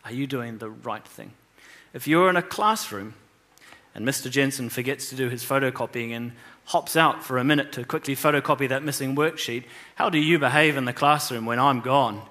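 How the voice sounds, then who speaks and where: Male teacher, bright tone, storytelling scripture lesson, emphatic. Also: mid-range voice, a little fast. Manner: storytelling, emphatic, asks rhetorical questions. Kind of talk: scripture reading and moral lesson.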